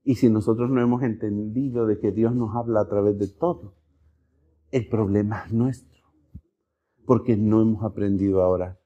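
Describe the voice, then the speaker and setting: A male pastor preaching a sermon in a conversational way, often checking in with the congregation and telling lively stories. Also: fairly low pitch, normal speed, dull audio. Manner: conversational, keeps asking the congregation "¿verdad?"; animated storytelling with acted-out voices and jokes.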